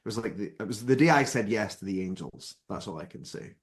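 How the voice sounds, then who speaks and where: A man's voice: fairly low pitch, fast. A man from Scotland in his thirties, a spiritual author telling a personal story as a guest and acting out the people in it. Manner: lively narrator who acts out the people in his story.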